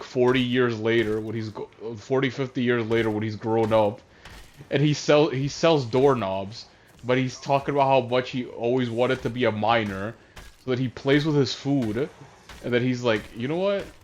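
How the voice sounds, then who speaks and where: A man's voice: mid-range voice, moderate pace, a little hiss or hum. A man ranting casually on a voice call, rambling and exasperated, with lots of swearing and restarts. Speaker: streamer. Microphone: voice chat headset. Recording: dull lo-fi console chat audio.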